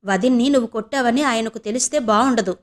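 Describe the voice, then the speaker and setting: A woman's voice: fairly high pitch, fast talker, natural voice. A woman voicing a worried middle-aged mother who coaxes and frets over her daughter in an audio novel. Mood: anxious. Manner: coaxing, fretful.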